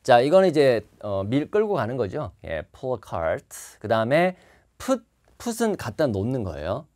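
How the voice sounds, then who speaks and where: A man's voice: medium pitch, huge pitch swings, measured pace, darkish tone. A man teaching a test-prep lecture to the camera, repeating and stressing key words. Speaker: TOEIC instructor. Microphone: facing the camera.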